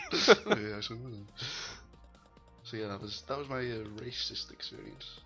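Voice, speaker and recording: A man's voice: medium pitch, huge pitch swings, a little fast, gravelly, sharp tone, soft background music. A Scottish man telling a story with lots of swearing and laughter over casual gaming chat. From Scotland. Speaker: gaming channel co-host.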